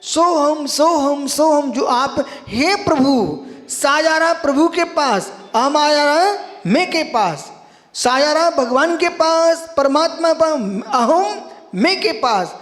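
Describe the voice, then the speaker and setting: A man's voice: very high-pitched, animated, takes it slowly, a bit bright. A man giving a religious sermon, repeating key phrases for emphasis and calling on his listeners as friends. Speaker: Jain monk preacher. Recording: long hall reverb.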